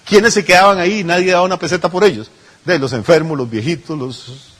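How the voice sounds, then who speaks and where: A man's voice: on the high side, fairly quick, a bit bright. A male pastor, preaching a sermon in a conversational way, full of rhetorical questions and little acted-out asides.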